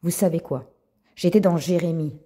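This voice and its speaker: Low husky woman giving a testimony. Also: moderate pace. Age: adult with a child. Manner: animated, repeats words, addresses listeners as friends; retells dialogue in quoted voices. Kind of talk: spoken personal testimony to viewers.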